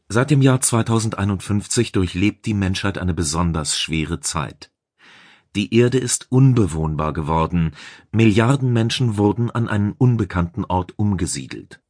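A man reading a science fiction audiobook in calm, measured narration. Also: fairly low pitch, no room sound, clean studio sound. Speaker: audiobook reader.

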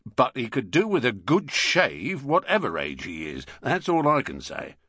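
A man's voice: mid-range voice, wildly swooping pitch, measured pace, pushed and bright, breathy edge, dry recording, studio quality, pitched above the performer's own voice, exaggerated voice. A man voicing a blunt, grumbling middle-aged policeman in an audiobook. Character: gruff middle-aged male London policeman.

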